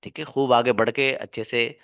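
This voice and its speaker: Bright-voiced, encouraging male teacher. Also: medium pitch, steady tone, normal speed, clean tone, no room sound, muffled recording. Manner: earnest, reassuring, motivational; repeats points for emphasis. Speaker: online English teacher. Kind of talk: live online class, encouraging lecture.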